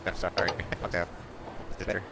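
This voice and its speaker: A man's voice: normal speed, pushed and bright, soft background music. A man chatting while gaming over voice chat, his mic sounding robotic and glitchy. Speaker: gamer on voice chat. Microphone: online voice chat mic.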